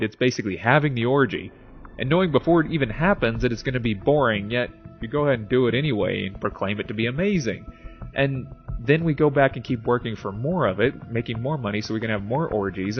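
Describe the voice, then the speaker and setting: Over music, a man with a medium-pitched voice presents an informal video essay on philosophy, reading passages with dramatic, emphatic delivery. The recording has its highs cut off.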